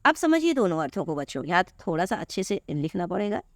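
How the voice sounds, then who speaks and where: Patient woman teacher explaining slowly. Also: lowish voice, big pitch swings, dry recording, studio quality. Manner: patient, repetitive explaining, addressing students as children. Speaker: Hindi teacher. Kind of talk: classroom lesson explaining grammar.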